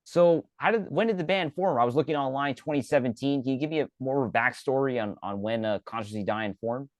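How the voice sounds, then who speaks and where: A man's voice: mid-range voice, fast talker, dry recording. A man hosting an interview show, chatting casually with fillers as he welcomes viewers and asks questions. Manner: chatty, friendly openers with fillers. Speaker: host.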